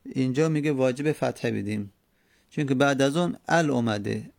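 A man's voice: medium pitch, gravelly, a little mellow, no echo, clean studio sound. A man teaching a grammar lesson in a patient way. He repeats each example and asks rhetorical questions. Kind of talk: classroom lesson explaining grammar rules.

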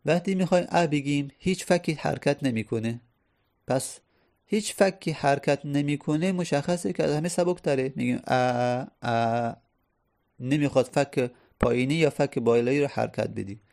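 A man's voice: a little high, vocal fry, a little mellow. A male teacher explaining grammar step by step. He repeats key phrases and sounds out vowels to demonstrate. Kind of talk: Arabic grammar lesson.

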